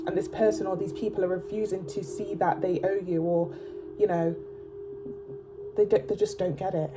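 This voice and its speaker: A woman's voice: on the low side, fairly even intonation, moderate pace. Chatty woman reading tarot over music. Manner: chatty, emphatic, repeats "okay?". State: blocked nose. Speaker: tarot reader. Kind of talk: casual tarot reading to camera.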